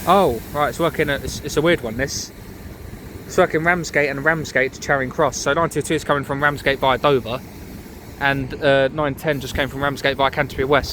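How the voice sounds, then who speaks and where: A man giving casual, off-the-cuff trainspotting commentary. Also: mid-range voice. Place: outdoor railway station platform. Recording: outdoor station with clear train noise.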